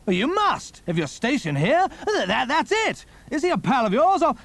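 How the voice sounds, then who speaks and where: An actor playing a boastful, suspicious drunken traitor in an audio drama, with slightly slurred speech. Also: male voice, very high voice, wildly swooping pitch, normal speed, fairly bright tone, dry recording, full character voice.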